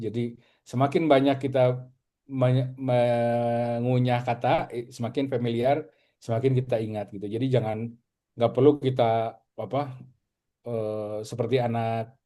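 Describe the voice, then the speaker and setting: A man from Indonesia teaching a casual Arabic lesson, patiently repeating words slowly for his students. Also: medium pitch, warm tone.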